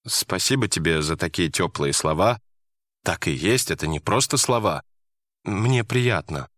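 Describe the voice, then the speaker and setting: A man's voice: sits low, expressive, measured pace, a bit bright, no room sound, studio quality, exaggerated voice. A man voicing a self-assured female theatre director who talks in a wry, self-mocking way. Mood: warm.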